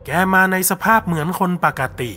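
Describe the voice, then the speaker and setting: A man narrating a ghost story in a steady, measured way. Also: soft background music.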